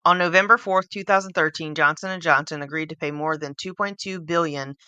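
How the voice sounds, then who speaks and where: Woman host reading to her group, trips on words, wry asides; bright, smooth tone. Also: low voice, steady tone, fairly quick, no echo, dull audio. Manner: stumbles over words, dry sarcastic asides. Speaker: book club host. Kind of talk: reading a book aloud with casual commentary.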